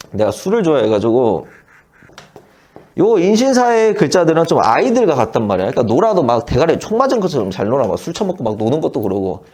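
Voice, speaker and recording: A man's voice: a little high, a little mellow. A middle-aged man teaching saju in a casual, blunt lecture, swearing and acting out short exchanges. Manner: blunt, slangy, swears, acts out quick quoted exchanges.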